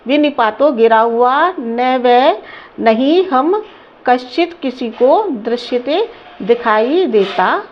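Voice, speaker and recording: Slow high-voiced woman teaching a lesson. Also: highs cut off. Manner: slow, repeats words and asks the class questions. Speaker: Sanskrit teacher. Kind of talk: line-by-line lesson translation.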